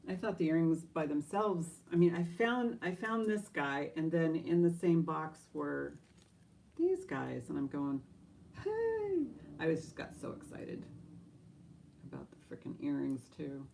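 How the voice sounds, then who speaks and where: Gravelly, low-voiced woman auctioneer. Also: lively intonation, unhurried, darkish tone, slight background noise. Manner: chatty, enthusiastic, talks to herself while handling items. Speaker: live auction host.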